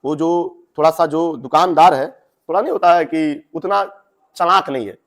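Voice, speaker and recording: A man's voice: a little high, moderate pace. A young man, explaining a story to students in a chatty way with direct asides. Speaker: teacher.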